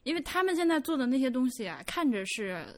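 A woman co-hosting a podcast, chatting casually and telling stories about herself in a lively, self-deprecating way. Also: sits high, fast talker. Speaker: podcast co-host. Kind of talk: casual chat.

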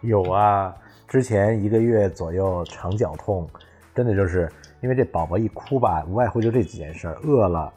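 A man's voice: fairly low pitch, moderate pace, husky, soft background music. A man who is a guest on a casual podcast chat, telling his stories expressively. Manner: expressive, sighs "哎呀" when he tells of hard moments.

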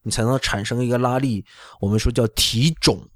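Speaking a little fast with fairly even intonation, a middle-aged orthopedic doctor offers a casual medical explanation on a talk show. His medium-pitched voice has a fairly bright tone, he often adds "right?", and his first language isn't Chinese. The sound is fairly dry with no echo.

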